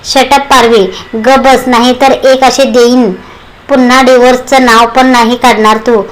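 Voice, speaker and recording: Young husband pleading then snapping, read by a woman with a high voice. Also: little pitch movement, measured pace, fairly bright tone, low-quality recording. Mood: angry. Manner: pleading and scolding.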